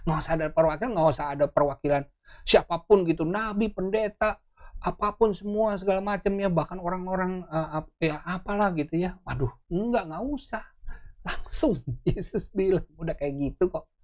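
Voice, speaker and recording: A man giving a casual sermon-style teaching, animated and quick to laugh, with chatty asides to his listeners. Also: sits high, highs cut off. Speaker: preacher.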